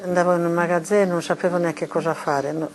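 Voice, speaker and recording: An older woman from Sardinia with a Sardinian Italian accent, haltingly recalling hard years in an interview. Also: fairly low pitch, flat delivery. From Carbonia, Sardinia. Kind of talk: reminiscing in an interview.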